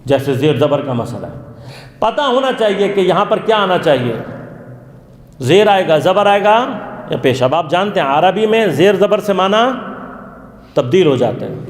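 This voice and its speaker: A man's voice: on the high side, darkish tone. Man teaching a lesson in an echoey hall. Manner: asks the audience questions and answers them himself. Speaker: religious lecturer. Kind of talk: interactive religious lesson.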